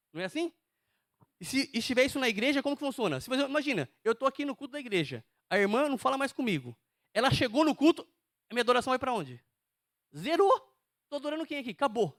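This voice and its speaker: A man's voice: very high voice, fairly bright tone, no echo, clean studio sound. A man preaching a sermon to a congregation, emphatic and often asking them questions.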